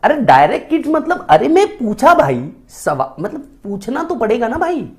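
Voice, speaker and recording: A man's voice: extremely high pitch, moderate pace. Chatty man telling a funny story. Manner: chatty, with frequent rhetorical asides to listeners; self-mocking, animated delivery. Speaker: motivational speaker. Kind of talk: humorous storytelling talk.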